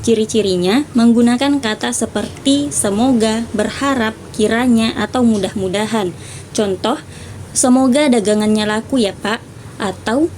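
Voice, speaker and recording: A young woman presenting a class topic, reading her points in a steady list. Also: on the high side, slight background noise. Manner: steady listing of points, clears throat. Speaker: student presenter.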